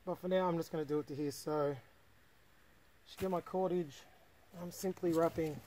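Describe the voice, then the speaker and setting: A man's voice: a little high, normal speed, a little hiss or hum, poor audio. Man narrating a bushcraft build outdoors. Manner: relaxed, thinking aloud while working. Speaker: bushcraft vlogger. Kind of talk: casual explanatory vlog. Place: outdoors in a forest. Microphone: camera mic, outdoors.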